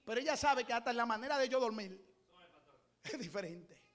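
A middle-aged pastor preaches a sermon in a strikingly high voice, animated and a little fast. He builds to loud, impassioned cries and repeats phrases over and over, then settles back into plain talk to tell his stories.

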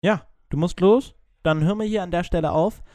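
A man's voice: sits high, a little fast, mellow, dry recording. A man co-hosting a casual podcast, reading out news and chatting, with frequent stumbles and restarts. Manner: chatty, jumps between topics, stumbles and restarts. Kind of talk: casual chat.

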